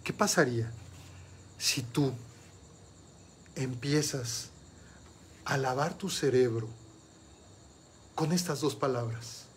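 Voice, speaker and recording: Male life coach, motivational talk, rhetorical questions, deliberate stress on listed words, mid-range voice. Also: mid-range voice, a little hiss or hum. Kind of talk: motivational talk with a told story.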